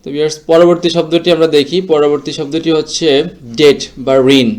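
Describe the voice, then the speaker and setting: A Bengali-speaking man, for whom English is a second language, gives a slow, explanatory lesson on English word pronunciation, mixing English words into his talk. His voice is fairly high, steady, and darkish.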